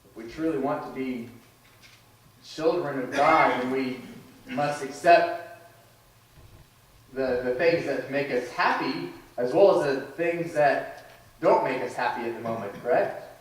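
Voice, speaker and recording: Speaking a little slowly with long pauses, a medium-pitched man in his thirties delivers a sermon in a church sanctuary in a conversational style, full of restarts and asides. He's captured from far off in an echoey hall.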